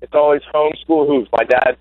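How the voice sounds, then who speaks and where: On a tinny phone line, a young man who used to play basketball in high school speaks as a guest in a relaxed interview. He sounds eager, stumbling through fillers and restarts, with a fairly high, steady voice at a slightly quick pace and no room sound.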